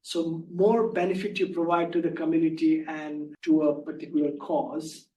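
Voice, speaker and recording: A soft-spoken man walks listeners through a slide presentation in an unhurried, explanatory way. His voice sits a little high for a man. He sounds distant from the mic in an echoey room. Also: flat delivery. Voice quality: soft-spoken, low volume. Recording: echoey room, far from mic, faint hum.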